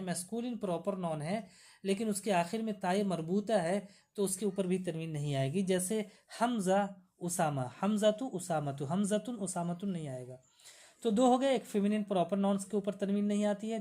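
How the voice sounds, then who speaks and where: A woman's voice: mid-range voice, dark tone. A woman teaching Arabic grammar in a lecture, patiently repeating each rule with examples.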